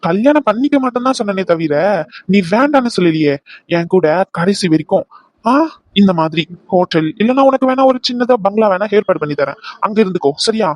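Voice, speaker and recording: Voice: mid-range voice, lively intonation, fairly quick, dry recording, close to an everyday voice. A performer voicing an arrogant, leering rich man in a cartoon, menacing and condescending. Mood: smug. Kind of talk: cartoon voice acting.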